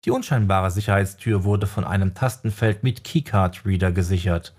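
A man reading an audiobook in steady scripted narration. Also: sits low, moderate pace, husky. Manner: steady storytelling.

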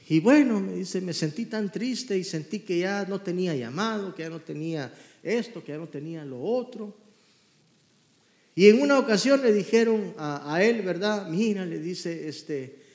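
A man preaching a sermon as pastor, fervent and shouting at peaks, then dropping to quiet storytelling. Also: sits high, reverberant.

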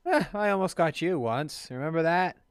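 Brash little mouse-person rogue, mouthy and smug, played by a man, lively and smooth, dry sound. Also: medium pitch, moderate pace, dry recording, close to an everyday voice. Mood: cocky. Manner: brash, teasing, wavering accent.

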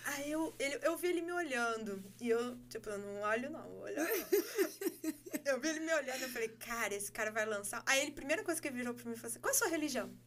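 A Brazilian woman telling a story in casual podcast chat, animated and laughing as she acts out dialogue. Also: fairly high pitch, quick pace, slight background noise. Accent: Brazilian Portuguese. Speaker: guest.

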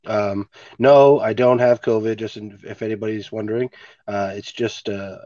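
This man hosts a casual podcast from home, recording remotely on a home mic, stuffy-nosed, laid-back and cursing casually. His lowish voice is warm and steady at a moderate pace, captured in a muffled recording without echo.

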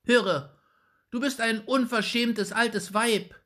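A man's voice: very high voice, slow pace, bright, forceful tone, voice pushed up, full character voice. A man voicing a bold young boy who scolds an old woman indignantly.

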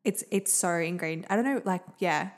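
A young woman hosts a podcast in a relaxed, chatty way, full of "like" and "um". Her voice sits a little low for a woman. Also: normal speed. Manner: chatty, lots of "like" and "um". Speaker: podcast host. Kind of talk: casual chat.

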